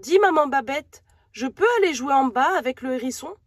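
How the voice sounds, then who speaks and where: A woman voicing a small, affectionate, wistful female swallow who confides softly, as if reading to a toddler. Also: sits high, lively intonation, moderate pace, no room sound, studio quality. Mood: eager.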